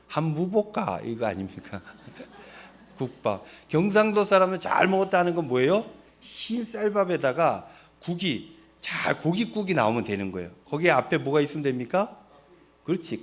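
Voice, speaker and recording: A middle-aged Korean man from Seoul, preaching a sermon in a chatty way, asking his congregation questions and answering them himself. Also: mid-range voice. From Seoul, South Korea. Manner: conversational, asks the congregation questions and answers them, laughs at his own jokes. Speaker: pastor.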